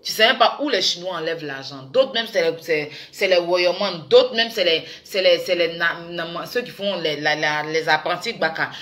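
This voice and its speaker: Bright-voiced woman teasing. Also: fairly low pitch, normal speed, few pauses. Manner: teasing, animated, with sudden loud exclamations. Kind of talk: chatty commentary vlog. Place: in France.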